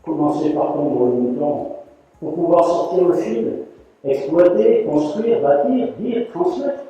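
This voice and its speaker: In a large hall, an elderly rug weaver spins tales for a crowd, unhurried and a little high in pitch, lively as he performs each quoted voice. The distant recording comes across dull and full of echo.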